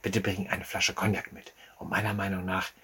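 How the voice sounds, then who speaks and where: A man voicing a nervous, secretive male party host in a whispered role-play, hushing every word conspiratorially. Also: sits low, little pitch movement, moderate pace, slightly rough, exaggerated voice.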